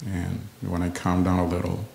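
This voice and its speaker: An older man on a panel discussion, emotional and choked up, speaking slowly and formally. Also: low-pitched, monotone, gravelly, darkish tone, a little hiss or hum. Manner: slow and formal. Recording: echoey hall with faint clicks.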